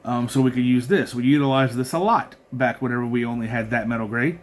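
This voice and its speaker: A man's voice: medium pitch, steady tone, fast. A man casually walking through his card game deck, reading card effects aloud with lots of fillers and restarts. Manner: rambling, filler-heavy, reads card text aloud with frequent restarts. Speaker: card game content creator.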